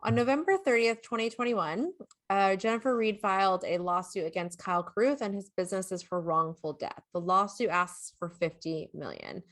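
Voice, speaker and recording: A woman's voice: mid-range voice, animated, normal speed, a bit bright. A woman co-hosting a true-crime podcast, talking casually and reading out case details with fillers and asides. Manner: conversational, reads legal details with fillers and asides. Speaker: podcast co-host.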